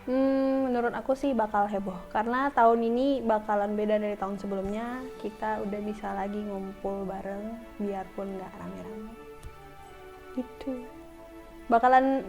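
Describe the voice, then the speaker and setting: A woman's voice: fairly high pitch, steady tone, moderate pace, a little mellow, dull audio, soft background music. A twenty-three-year-old woman, a fresh graduate, chatting casually to camera and slipping in English phrases. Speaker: new education graduate.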